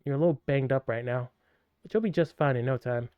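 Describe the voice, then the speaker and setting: A man reading aloud the lines of a caring young woman character in a video game, gently and plainly. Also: medium pitch, a little fast, clear, resonant tone, dry recording, highs cut off, natural voice. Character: caring young woman friend who patches him up.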